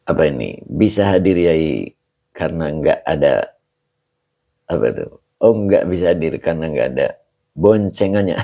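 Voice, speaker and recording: Deep gravelly-voiced man greeting live viewers. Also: animated, normal speed, pauses often, highs cut off. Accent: Indonesian. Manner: reads viewer comments aloud, chuckling often. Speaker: religious teacher greeting live-stream viewers. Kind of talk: casual live-stream greeting.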